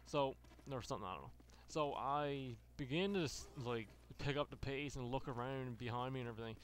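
This gaming channel host speaks fairly quickly in a mid-range voice, rambling through a long, profane story while playing, with frequent restarts and fillers. Game gunfire and slight background noise are audible.

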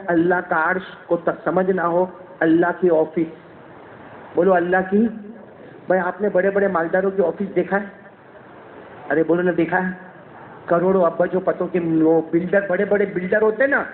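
A man preaching a sermon in a mosque, urging the crowd to call back and swinging between soaring highs and low, hushed passages. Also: a little hiss or hum. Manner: urges the crowd to answer back; dramatic swings between high and low delivery. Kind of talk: Urdu sermon with call-and-response. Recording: echoey, tinny mosque recording with crowd.

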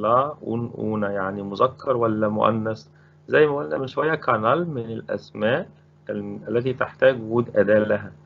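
A lowish, gravelly, narrow male voice with an Egyptian Arabic accent leads a recorded Spanish grammar lesson through tinny audio. He breaks everything down step by step, repeating each word and throwing in rhetorical questions.

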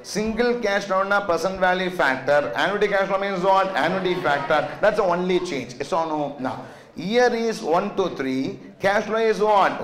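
A man's voice: high-pitched, fairly bright tone. A middle-aged man with a South Indian accent giving a classroom lecture, drilling students with repeated questions and check-ins. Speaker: finance lecturer. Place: indoor classroom, speaking to students. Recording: echoey classroom.

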